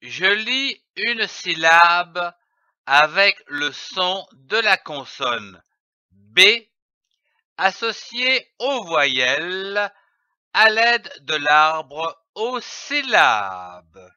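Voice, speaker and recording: A man giving a slow, scripted reading lesson for young children, spelling out letters and syllables one by one. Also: sits high, sing-song, bright, forceful tone, smooth, no room sound, muffled recording. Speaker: reading teacher.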